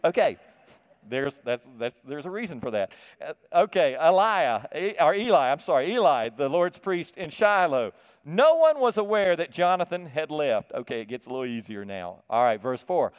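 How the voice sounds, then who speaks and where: A male pastor preaches a sermon in a folksy, lively style, throwing questions out to the congregation and chuckling at his own side remarks. His high voice is smooth and resonant, delivered at normal speed, and the audio has the long reverb of a church sanctuary.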